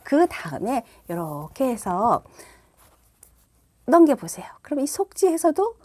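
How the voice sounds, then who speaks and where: A middle-aged woman coaching parents on reading aloud to children, explaining calmly and acting out the lines she reads. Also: a little high, measured pace. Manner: warm explanatory, acts out read-aloud lines. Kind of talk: instructional talk to parents.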